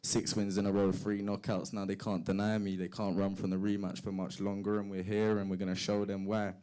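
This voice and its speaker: A man's voice: on the low side, completely flat delivery, a little fast, warm tone, clear, resonant tone. A man in his twenties promoting a fight as a boxer, boastful, speaking in short punchy phrases. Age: 20s. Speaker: boxer at a press conference.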